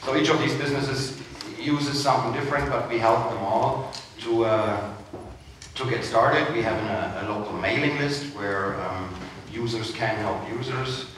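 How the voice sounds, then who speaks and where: A man in his forties talks in a relaxed, animated way from a conference stage. His voice comes from well back in a big, echoing hall. A steady noise sits under the speech. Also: mid-range voice, normal speed. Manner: animated, gesturing, relaxed and chatty. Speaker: conference speaker. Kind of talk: panel talk answering questions. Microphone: headset mic. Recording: echoey hall from far off, noisy.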